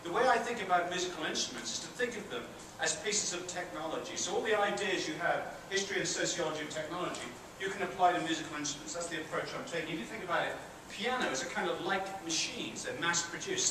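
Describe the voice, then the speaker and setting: A middle-aged British university professor gives a chatty guest lecture to students in a large theatre hall with an audience, speaking fast in a high, bright voice with hardly any pauses. He quizzes the audience and makes self-deprecating jokes. He sounds far from the mic, with heavy echo and a steady hiss.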